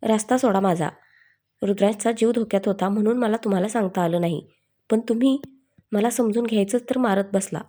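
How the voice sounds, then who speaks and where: Storybook young woman, pleading and stubborn, mellow and warm in tone, as a woman narrator voices her. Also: medium pitch, brisk, lightly acted.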